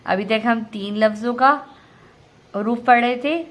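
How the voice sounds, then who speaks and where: A woman teaching an online reading lesson. She sounds out syllables slowly and loudly, then explains quickly between drills. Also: a little high.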